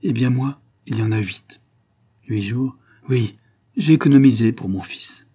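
A man reading the lines of a starving, desperate older father who pleads in a low, secretive murmur. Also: measured pace, mellow, lightly acted. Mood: grim. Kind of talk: audiobook dialogue reading.

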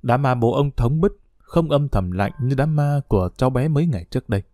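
A man narrating a somber story in a solemn, expressive audiobook reading. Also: medium pitch, brisk, dry recording, studio quality. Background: soft guitar music.

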